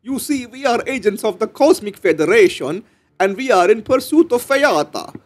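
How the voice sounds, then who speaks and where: A man's voice: sits high, sing-song, moderate pace, pitched above the performer's own voice. Brief: short round alien, emphatic explainer, put on by a male streamer. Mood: explaining.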